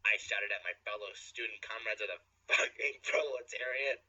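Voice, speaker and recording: Raspy man reading fanfiction deadpan. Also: fairly low pitch, normal speed. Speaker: comedic fanfiction reader. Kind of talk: mock-dramatic reading. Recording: lo-fi, dull sound.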